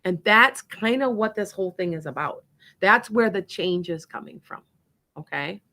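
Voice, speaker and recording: On her psychic radio show, a Wisconsin woman talks in a loose, rambling way, laughing often as she chats and gives readings. Her medium-pitched voice sounds pushed and bright, with lively intonation at a normal speed.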